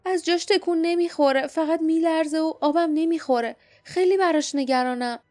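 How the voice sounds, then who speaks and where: A woman voicing a worried, caring young woman speaking in a hushed, anxious way in an audiobook. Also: very high-pitched, pitched above the performer's own voice.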